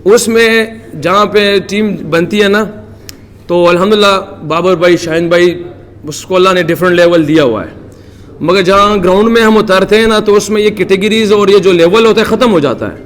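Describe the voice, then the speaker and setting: A man's voice: sits high, long reverb tail. A man from Pakistan, a cricketer, giving earnest, devout answers at a press conference. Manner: earnest, devout, many religious phrases.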